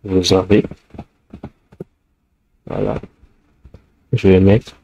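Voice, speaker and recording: Deep, gravelly, and dark-toned, this man speaks extremely slowly with a level tone, and the audio sounds dull. Sick with the flu, the programming tutor gives a screencast coding lesson hesitantly, thinking aloud with many fillers as he types.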